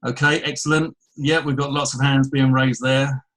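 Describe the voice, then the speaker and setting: A man from England with an English accent, hosting a live webinar and chattily reading out attendees' names with quick asides. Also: mid-range voice, flat delivery, a bit bright, low-quality recording. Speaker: webinar host. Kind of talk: casual live webinar welcome. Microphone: headphones with mic.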